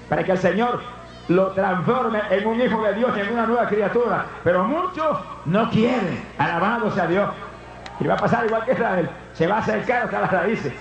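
A man with a high voice preaches a fervent revival sermon, often breaking into exclamations of praise. He is recorded in an echoey church hall. The sound is dull and lo-fi.

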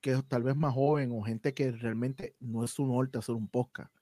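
Hosting a laid-back podcast chat, a man from Puerto Rico speaks with a Puerto Rican Spanish accent, emphatic and passionate, cursing often. His mid-range, warm voice holds a steady tone at a moderate pace, captured in a dry recording.

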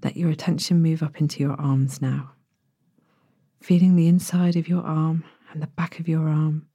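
A sleep story narrator guides a bedtime body-scan meditation in a lowish, very mellow woman's voice with a soft breathiness that drifts toward a whisper. She delivers each instruction gently, soothingly, and unhurriedly, in a flat manner with no echo.

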